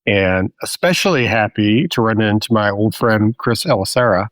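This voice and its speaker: Low-voiced man hosting a podcast. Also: moderate pace, fairly bright tone, no room sound. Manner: friendly, chatty, filler-heavy questioning. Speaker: podcast host. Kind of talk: casual podcast interview.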